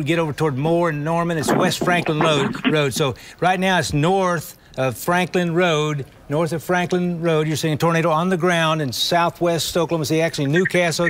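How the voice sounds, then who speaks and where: A man's voice: fairly high pitch, slight background noise. A man anchoring live emergency weather coverage, giving directions and repeating phrases as he thinks aloud. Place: TV studio.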